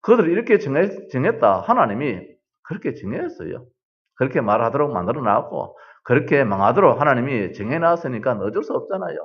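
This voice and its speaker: Middle-aged male pastor, animated sermon delivery, swooping pitch, muffled church recording. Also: fairly quick. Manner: animated preaching, rhetorical questions, quoting others heatedly.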